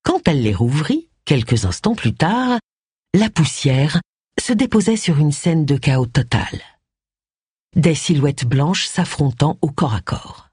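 An audiobook narrator reading a mystery in an expressive, dramatic way. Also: medium pitch, takes it slowly, slightly rough, no room sound, clean studio sound. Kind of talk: scripted narration.

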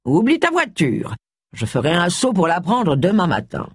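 Livre audio : lecteur donnant voix à un ami moqueur mais bienveillant, son sec et proche. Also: male voice, high-pitched, wildly swooping pitch, normal speed, husky, dry recording, clean studio sound, exaggerated voice. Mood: taquin. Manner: teasing, reassuring. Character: man, an affectionate teasing friend. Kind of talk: audiobook character voice.

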